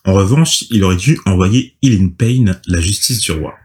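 Young man, very deep voice, casual book talk, halting, many fillers. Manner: relaxed, hesitant, many fillers and restarts. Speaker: podcast host reading and discussing a novel. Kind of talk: casual chat with read-aloud summary.

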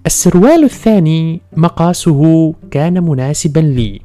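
A man's voice: fairly high pitch, animated, normal speed, mellow, soft background music. A man speaking careful, formal Standard Arabic, narrating a scripted language-lesson podcast as host and teacher.

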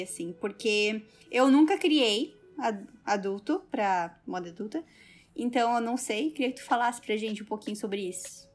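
Woman host asking casual questions. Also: on the high side. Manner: friendly, questions with many fillers. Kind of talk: casual interview chat.

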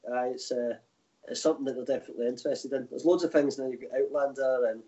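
This Glasgow-area man, a tour operator on as a guest, chats casually and colloquially, rambling through stories in a broad Glaswegian Scottish accent. He talks fast in a mid-range, steady voice with a dark tone, captured on dull audio.

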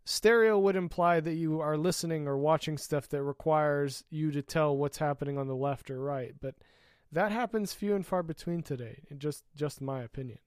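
Opinionated man with a clear, dry voice. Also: fairly high pitch, normal speed, dry recording. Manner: opinionated, explains at length, trails off quietly. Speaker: podcast co-host. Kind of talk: casual tech chat.

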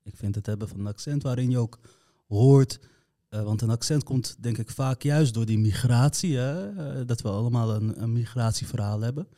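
A man hosting a casual discussion, lively and opinionated as he leads the talk. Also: medium pitch, normal speed. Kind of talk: casual chat.

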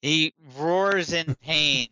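A man's voice: on the high side, extremely slow, pushed and bright, a little hiss or hum. A man narrating a tabletop game as game master, describing events and answering players.

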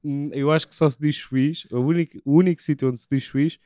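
A man with a European Portuguese accent co-hosting a podcast, giving opinions in casual banter and often trailing off quietly. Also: a little high, fairly even intonation, a little fast, no echo, studio quality. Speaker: podcast co-host.

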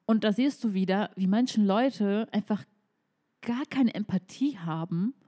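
A woman's voice: mid-range voice, unhurried, mellow. A woman co-hosting a casual talk show, speaking with strong emotion and close to tears. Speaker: podcast co-host. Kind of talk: casual chat.

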